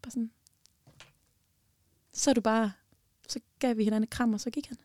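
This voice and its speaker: A young woman telling a personal story as a podcast guest, animated and emotional, with many fillers. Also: a little high, no echo, studio quality.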